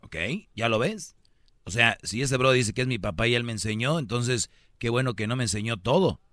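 A man's voice: mid-range voice, a little fast, fairly bright tone, dry recording, studio quality. A man hosting a radio call-in show, giving blunt, emphatic, opinionated advice.

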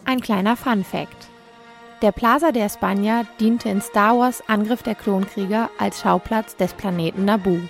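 A woman's voice: mid-range voice, fairly even intonation, moderate pace, soft background music. A young woman reading a scripted travel report for radio and speaking directly to listeners. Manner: reads smoothly, addresses listeners directly.

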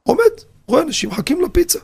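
Animated, gravelly-voiced rabbi on the radio. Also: male voice, very high voice. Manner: animated, asks rhetorical questions, tells anecdotes. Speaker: rabbi teaching on a radio show.

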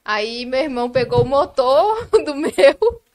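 A woman with a high voice talks informally as an interviewer. Her style is that of a casual chat. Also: sing-song, slow.

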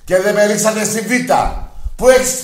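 A man co-hosting a sports call-in show, shouting insults at callers in rough banter. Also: high-pitched, steady tone, roomy sound. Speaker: radio sports show co-host. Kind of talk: casual heated call-in banter.

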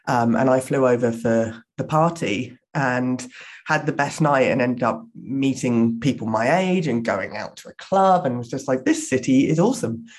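A woman's voice: very deep voice, moderate pace, darkish tone. A woman in her thirties from southern England with a Home Counties accent, chatting casually as a podcast guest. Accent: southern English, Home Counties. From England, born in west London, grew up in Surrey. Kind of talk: casual chat.

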